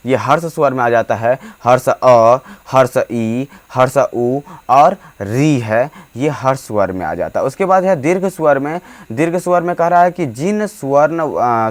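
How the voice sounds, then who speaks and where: Male teacher explaining grammar for exam prep; halting delivery full of fillers, stretches vowels out to demonstrate them. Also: medium pitch. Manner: halting, many fillers and restarts. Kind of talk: hindi grammar lesson.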